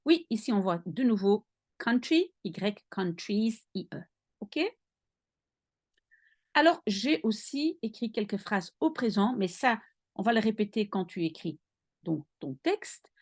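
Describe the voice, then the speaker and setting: A woman language teacher patiently explaining grammar to a student, with careful repetition. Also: mid-range voice. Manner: slow, patient, lively intonation. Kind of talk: explaining English grammar in French.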